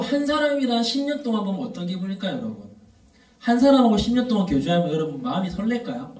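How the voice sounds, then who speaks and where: A man's voice: a little high, a little mellow, distant mic. A man in his thirties preaching to a youth service. He tells stories and builds up to emphatic, repeated questions. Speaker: youth pastor. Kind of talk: sermon. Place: church worship hall. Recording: echoey room, voice from off mic.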